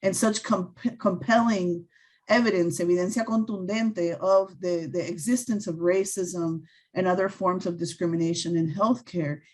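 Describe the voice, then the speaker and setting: A woman's voice: on the low side, fairly even intonation, normal speed, darkish tone, low-quality recording. A woman speaking on a panel discussion, thoughtful and searching for words, with many fillers and restarts. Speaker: scholar on a panel. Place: event venue.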